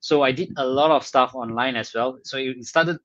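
Man, upbeat guest, mid-pitched voice, slightly muffled audio. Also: moderate pace, fairly bright tone. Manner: upbeat, hypes with whoops, conversational fillers. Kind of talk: casual online interview.

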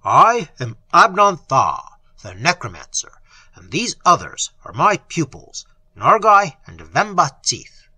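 A man's voice: on the high side, huge pitch swings, takes it slowly, pushed and bright, slightly rough, no room sound, full character voice. A man voicing an oily, mocking necromancer who purrs his sardonic words. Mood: commanding. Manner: purring, sardonic.

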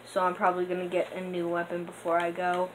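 A woman's voice: on the low side, quick pace. A young woman hosting her gaming channel, rambling and hesitant with many fillers while she gives casual commentary over gameplay. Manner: bursts into excited gasps during play. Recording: noticeable background noise.

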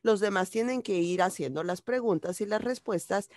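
A woman's voice: mid-range voice, moderate pace, darkish tone, dry recording, clean studio sound. A woman teaching English to young children in an online class, patiently repeating each phrase in Spanish. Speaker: primary school English teacher.

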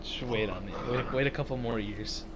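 A man's voice: mid-range voice, fairly quick. A teenage man in casual, profane gaming banter over a voice chat. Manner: crude, profane trash talk. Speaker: gamer in party chat. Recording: noisy game voice chat with background hum.

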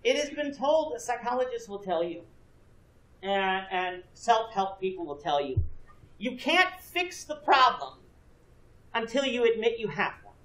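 A thirtysomething man teaches Bible class in a church room with a projection screen, speaking earnestly and asking students questions. His high, a-bit-bright voice swings widely in pitch at a measured pace, and the far camera with no visible mic picks up an echoey, distant sound.

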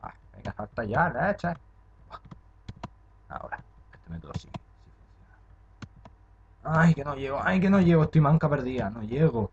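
A young man from reacts to a horror game, jumpy and excitable, muttering under his breath and swearing freely. His pitch swings wildly up and down. The recording is dull and lo-fi, with a faint hiss underneath. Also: moderate pace, pauses often. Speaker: gaming channel host.

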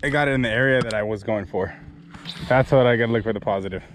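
A man fishing from a boat on a lake, chatting excitedly and laughing, filmed on an action camera. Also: mid-range voice, fast, a little hiss or hum. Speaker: fishing partner. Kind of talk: casual chat while fishing.

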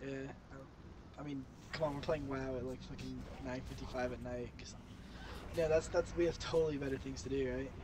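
A teenage guy with a cold co-hosts a gaming channel, chatting and telling blunt stories with plenty of swearing over gameplay. His voice is medium-pitched, fairly even and fairly quick, and the home game recording is clearly noisy.

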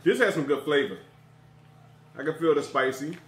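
A man's voice: a little high, normal speed, fairly bright tone, a little hiss or hum. A man hosting a casual food review taste test at home, chatty and teasing. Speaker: video host. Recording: echoey room.

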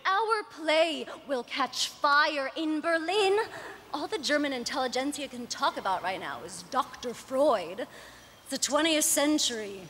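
A woman's voice: sits high, animated, measured pace, fairly bright tone, in a large hall, a little hiss or hum. A woman playing a breathless, gushing young wife. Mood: excited. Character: young woman, a playwright's passionate new wife. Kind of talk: live stage acting. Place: large hall with a glass ceiling.

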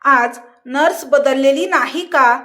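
A woman reads an angry, wounded male army officer from a storybook. His lines come out curt and biting, pitched high and delivered slowly. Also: bright, forceful tone, full character voice. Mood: bitter.

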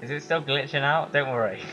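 A man's voice: on the high side, sharp tone, muffled recording. A young man in casual, joking banter while playing a video game with friends. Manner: joking, giggly.

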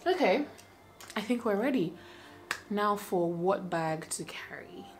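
A woman's voice: mid-range voice, animated, slow, music in the background. A young woman, chatting to the camera in her bedroom while getting ready, thinking aloud about her outfit. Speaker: lifestyle vlogger. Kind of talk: casual chat to camera. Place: bedroom indoors. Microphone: camera close up.

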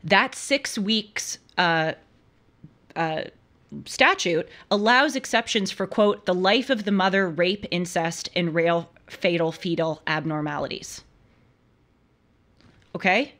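A woman's voice: lowish voice, takes it slowly, fairly bright tone. A young woman in her twenties hosting a studio talk show, giving emphatic, argumentative commentary with frequent restarts. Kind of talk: opinion commentary. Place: studio with purple lighting.

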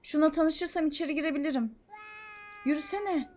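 Excitable young woman streamer, game commentary. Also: high-pitched, brisk, a little hiss or hum. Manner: excitable, scolding the game characters, swings from mutters to shouts. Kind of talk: live gameplay commentary.

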